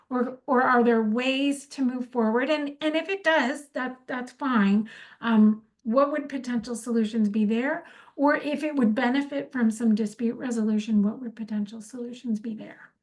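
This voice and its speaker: A woman giving an informal instructional talk on workplace conflict, conversational, with many fillers and restarts. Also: fairly high pitch. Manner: acts out sample apologies in quoted speech.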